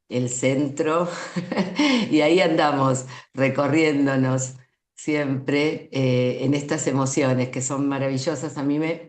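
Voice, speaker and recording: A woman's voice: deep voice, a little mellow. A woman podcast host, chatting reflectively and tossing questions to her co-hosts. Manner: reflective, tosses questions to the others. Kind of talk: casual conversation. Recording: roomy echo.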